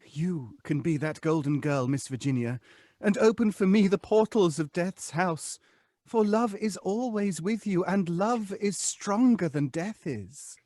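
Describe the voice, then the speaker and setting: An actor playing a haughty, weary centuries-old ghost in an old-time radio drama, with pompous, theatrical phrasing. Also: male voice, high voice, animated, measured pace, darkish tone, no echo. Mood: solemn, pleading. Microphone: close studio microphone.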